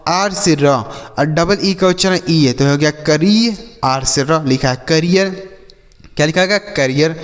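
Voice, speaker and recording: A man's voice: on the high side, in a large hall. A male English teacher giving a classroom-style phonics lesson, repeating each word and asking the children to answer back. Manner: repeats words and quizzes children with call-and-response questions.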